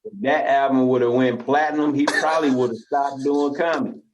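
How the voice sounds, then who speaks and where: A man's voice: mid-range voice, a little fast, noisy background. Laid-back slangy man, podcast co-host. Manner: relaxed slangy banter, chuckling, says bro a lot. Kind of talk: casual chat.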